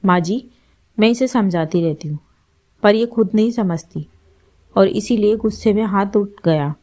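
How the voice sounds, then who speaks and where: A woman's voice: medium pitch, normal speed, mellow, lightly acted. A woman voicing a tearful, anxious mother who pleads her case, in a storybook reading. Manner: pleading, choked up.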